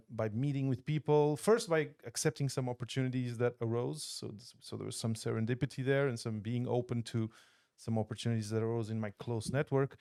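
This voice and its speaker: A man's voice: mid-range voice, mellow, smooth. Thoughtful man from Portugal, podcast guest. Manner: thoughtful, many restarts and fillers. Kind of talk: casual interview chat. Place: podcast studio.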